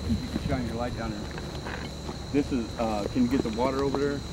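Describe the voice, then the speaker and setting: A man's voice: medium pitch, steady tone, fairly quick, background noise. A man guiding a night patrol, chatting casually and bluntly on a handheld camera outdoors. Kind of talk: casual field chat. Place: outdoors at night in riverside brush. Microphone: handheld camera mic.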